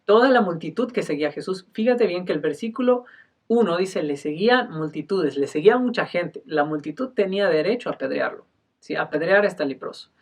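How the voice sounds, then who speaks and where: A male pastor giving a sermon, emphatic, moving between loud and soft delivery and often clearing his throat. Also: high voice, lively intonation, a little fast, far from the mic.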